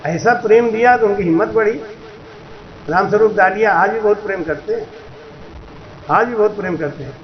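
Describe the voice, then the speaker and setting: A man's voice: high voice, normal speed, pauses often. A man, a spiritual teacher, giving a storytelling sermon, acting out dialogue and chanting verses. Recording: echoey, dull lo-fi hall recording.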